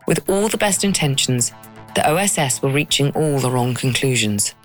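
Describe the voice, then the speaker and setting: A woman's voice: very deep voice, animated, moderate pace, soft background music. A woman delivering scripted narration as the host of a documentary podcast.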